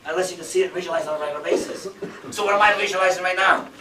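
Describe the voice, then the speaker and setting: A man's voice: sits high, fairly even intonation, very fast. Man, 50s, motivational seminar speaker; emphatic, repetitive, rhetorical; echoey room, mic at a distance. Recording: roomy, from far off, faint background noise.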